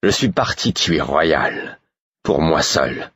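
A man's voice: rumbling low, expressive, takes it slowly, fairly bright tone, slightly rough, no echo, clean studio sound, exaggerated voice. A man voicing a bitter, defiant young man who has been drinking, talking with heavy, slurring defiance.

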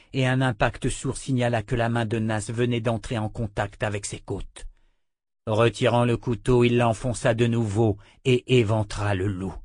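A man's voice: medium pitch, no room sound. Man narrating an audiobook, dry close sound. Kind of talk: audiobook reading.

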